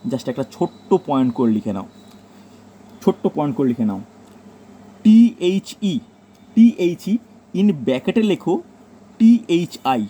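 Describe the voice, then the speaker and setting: Bengali-accented teacher, mellow voice. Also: male voice, on the high side, very animated, a little slow, pauses often. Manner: repeats points and tells students to note them down. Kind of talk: classroom grammar lesson.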